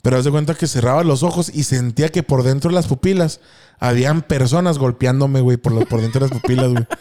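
This young podcast co-host, who has a Mexican accent, recounts a story in loose, slang-filled conversation, acting out quotes and laughing along. He talks fast in a mellow, mid-range voice.

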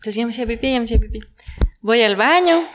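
A young woman co-hosts a casual podcast. Her voice is fairly high and swings widely in pitch, and she tells her stories expressively, laughing often. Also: lively intonation, very fast, slight background noise. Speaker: podcast co-host. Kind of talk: casual chat.

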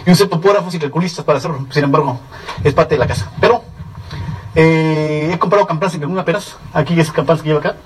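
A middle-aged man from Mexico with a Mexican Spanish accent gives an animated testimonial talk to a seminar audience, telling stories at a rapid clip and checking in with his listeners. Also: on the high side, far from the mic, rough recording. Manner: rapid, animated storytelling with frequent "¿sí?" check-ins. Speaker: seminar speaker.

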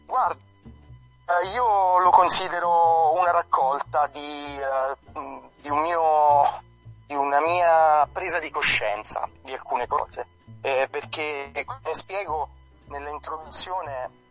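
Halting man on a phone line. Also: fairly high pitch, a bit bright, faint music behind. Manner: hesitant, halting, with many fillers. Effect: heard over a phone line. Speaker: author guest. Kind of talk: live radio interview by phone. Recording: thin phone line on radio.

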